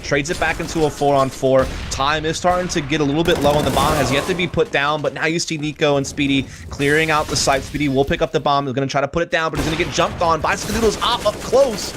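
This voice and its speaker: Fairly high-voiced male esports caster. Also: quick pace, few pauses, music in the background. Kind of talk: esports play-by-play commentary. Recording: game gunfire and noise behind.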